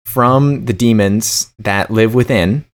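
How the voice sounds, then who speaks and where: A man's voice: fairly low pitch, takes it slowly. A man co-hosting a casual comedy podcast, playful and mock-serious, reading food news and stumbling over tongue twisters. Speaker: podcast co-host.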